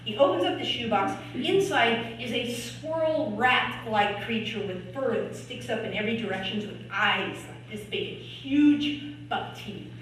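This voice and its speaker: A woman's voice: fairly high pitch, unhurried, fairly bright tone. A woman telling a long joke at an open mic, chatty and laughing at her own punchlines. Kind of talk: live stand-up joke telling. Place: small comedy club stage. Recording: echoey room from far off, noisy.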